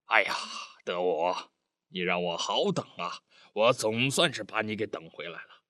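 A man's voice: on the low side, lively intonation, moderate pace, sharp tone, no echo, clean studio sound. A man voicing an eager, earnest middle-aged official who keeps pressing his case in a storybook reading. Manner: earnest, pleading, talkative.

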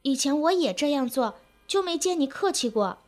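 A woman voicing a young lovesick village girl who clings and pleads in a high, tearful voice. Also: animated, a little slow. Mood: shy, teasing.

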